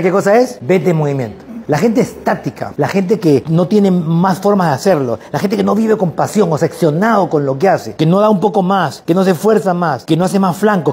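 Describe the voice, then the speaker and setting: A man with a Peruvian Spanish accent, a sales trainer telling a lively anecdote in a motivational talk. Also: on the high side, breathy edge. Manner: lively anecdotal storyteller, animated and emphatic.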